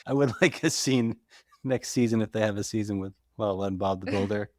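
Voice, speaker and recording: A man's voice: fairly low pitch, a little fast, a little mellow, no echo, clean studio sound. Laid-back man co-hosting a podcast. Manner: laid-back, chuckles along, short replies. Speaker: podcast co-host, host's husband. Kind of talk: casual chat.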